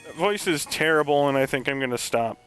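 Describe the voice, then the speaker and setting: Man, gameplay commentary, rambling, joking, slightly high-pitched. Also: animated, fairly quick, fairly bright tone, clear, resonant tone, faint music behind, rough recording. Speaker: gaming channel host.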